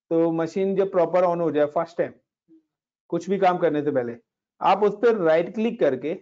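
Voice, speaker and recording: A man's voice: high voice, a little mellow. A man teaching a casual Linux class, talking students through each step and mixing in English words. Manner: chatty, talks students through steps, mixes in English words. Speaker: Linux instructor. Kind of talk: casual screen-share class explaining commands. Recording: dull lo-fi recording.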